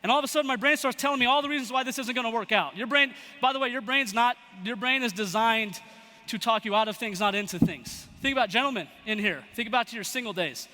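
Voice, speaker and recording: A young man giving a motivational talk to a live audience, telling a story with lively acted-out quotes. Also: extremely high pitch, quick pace. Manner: animated storyteller acting out quoted voices. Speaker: motivational speaker. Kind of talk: storytelling keynote speech. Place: large event hall. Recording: long hall reverb.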